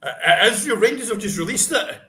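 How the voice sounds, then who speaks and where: Man, excitable football fan, high voice, wildly swinging pitch, echoey room. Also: brisk. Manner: excitable, bursts into shouted celebration, swears then apologises. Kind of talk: casual live reaction vlog. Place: at home, wife in the room.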